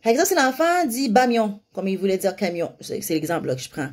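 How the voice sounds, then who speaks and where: A young woman giving parents casual advice, lively and now and then slipping into sing-song baby-talk examples. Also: mid-range voice, fast talker. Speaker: parenting vlogger giving tips.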